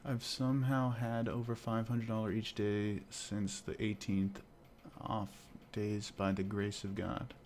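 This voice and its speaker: A man's voice: on the low side, level tone, unhurried, a little mellow, a little hiss or hum. A man streaming live as a day trader, muttering and grumbling to himself with sarcastic asides as he trades. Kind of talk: live-stream commentary while trading.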